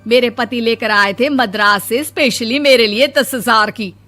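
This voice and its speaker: Cartoon mother-in-law played by a woman: middle-aged village scold, high-pitched, indignant, emphatic, music underneath. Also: fairly even intonation, moderate pace, fairly bright tone, lightly acted. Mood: offended. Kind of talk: animated moral story dialogue.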